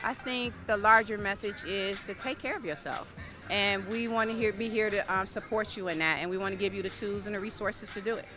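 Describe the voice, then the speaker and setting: Woman in a mid-pitched interview. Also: fairly even intonation, fairly quick, over music. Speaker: wellness program organizer. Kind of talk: news interview sound bite.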